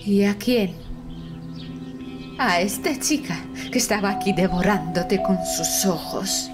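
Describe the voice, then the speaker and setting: An actress voicing an estranged young wife in a dubbed film drama, emotional and resentful. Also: female voice, mid-range voice, slow, music in the background, lightly acted. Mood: defensive, bitter. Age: young adult.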